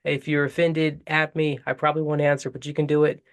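A man's voice: a little high, level tone, brisk. A man hosting a podcast, talking in a loose, chatty way with rambling asides. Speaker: podcast host. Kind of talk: casual podcast chat.

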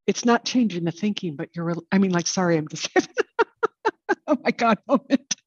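A woman hosting an interview, enthusiastic and halting, often restarting her sentences. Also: fairly low pitch, darkish tone, husky, no room sound, lo-fi sound. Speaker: interview host. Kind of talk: conversational interview.

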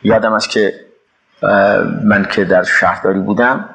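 An older man from Iran recalling his past work in a halting interview, with pauses and restarts. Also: on the low side, steady tone, creaky, a bit bright, poor audio. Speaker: interviewee recalling his time as a city official. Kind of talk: reminiscing interview.

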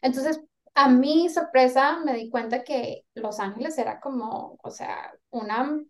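Speaking a little slowly, a Colombian interview guest in her thirties talks in a fairly high voice during a casual chat. She works out her points as she goes, earnestly and somewhat ramblingly.

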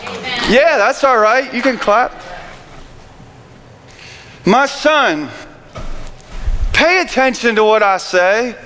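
High-voiced man preaching in a hall. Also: animated, takes it slowly, long pauses, slight background noise. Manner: preaching with rising shouted emphasis and repeated phrases. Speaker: pastor. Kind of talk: sermon. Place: church sanctuary with congregation. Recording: reverberant church hall, faint ambience.

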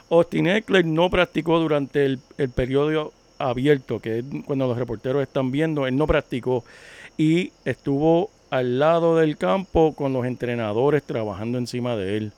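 A man's voice: on the high side, unhurried, darkish tone. Chatty man talking football news. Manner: laughing, chatty, news-reporting. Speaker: podcast co-host. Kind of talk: casual sports talk.

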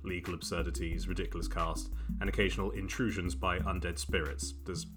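A man's voice: low-pitched, little pitch movement, fairly quick, music in the background. A man hosting a comedy podcast, with a dry, joking delivery. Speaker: podcast host. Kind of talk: casual podcast chat.

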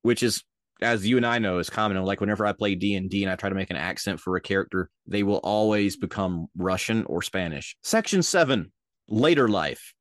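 A young man with a Minnesotan accent, hosting a casual history podcast as a lively storyteller with jokey asides. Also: lowish voice, a little fast, dry recording, clean studio sound. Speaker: podcast host.

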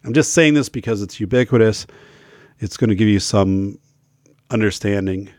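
Talking casually to camera, a middle-aged school safety talk show host sounds unwell and is losing his voice; he's emphatic, with lots of fillers and restarts. He has a lowish, slightly mellow voice at a moderate pace, with no echo.

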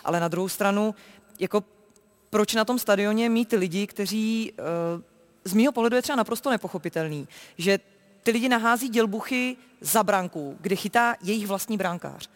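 A woman talking as a sports reporter in a football discussion, animated and emphatic. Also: mid-range voice, big-room sound.

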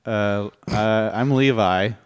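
A man's voice: on the low side, takes it slowly, clear, resonant tone. A man playing along in casual comedy improv banter.

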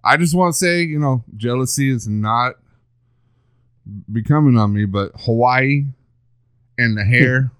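A man's voice: mid-range voice, a little slow, long pauses, a bit bright, clean tone, dry recording, studio quality. A man hosting a podcast who chats casually, teases his guest and jokes around. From Texas. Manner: jokey, teasing, chatty. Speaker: podcast host. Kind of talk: casual interview chat.

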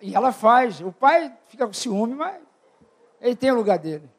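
Older male preacher with a very high voice, questioning his congregation and calling for amens, moving from near-shouts to low murmurs. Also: big pitch swings, moderate pace. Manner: swings from loud shouted peaks to low quiet asides. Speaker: preacher at a church retreat. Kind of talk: sermon.

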